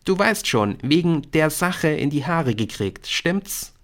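A man's voice: on the high side, sing-song, takes it slowly, a bit bright, voice pushed up, heavily acted. A man voicing a prying, affected teenage schoolgirl in an audiobook. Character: prissy gossiping teenage schoolgirl.

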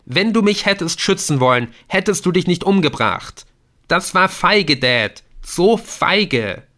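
Brief: man doing a grieving young son, raised higher and louder than his reading voice, raw and accusing, audiobook. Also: lively intonation, measured pace.

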